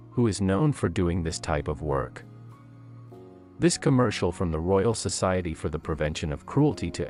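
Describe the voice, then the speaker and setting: A man's voice: low-pitched, darkish tone. A man reading scripted countdown narration in a documentary style. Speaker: video narrator. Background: faint-to-clear background music.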